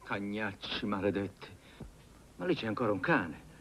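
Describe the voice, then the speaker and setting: An actor playing a panicky, blustering young lover who talks excitably and mutters asides to himself. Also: male voice, lowish voice, moderate pace, close to an everyday voice. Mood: frantic. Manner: frantic, excitable, mumbling asides. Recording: noisy old film soundtrack.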